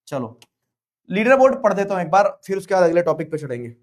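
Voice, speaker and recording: This man's voice is high-pitched and very animated as he runs a playful online history class. He switches between Hindi and English terms, going back over key phrases slowly.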